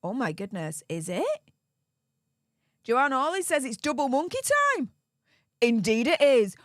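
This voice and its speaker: Speaking in a little high, expressive voice at a measured pace, this Yorkshire woman gushes perkily as she reads donations aloud on her live stream. The recording is studio quality with no echo.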